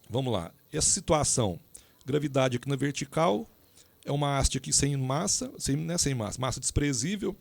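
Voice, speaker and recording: Guy with a gravelly voice giving an engineering lecture, chatty, lots of asides, dry close sound. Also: mid-range voice, darkish tone, no room sound. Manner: informal, talks straight to students with many asides and restarts. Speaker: engineering professor. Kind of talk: recorded lecture.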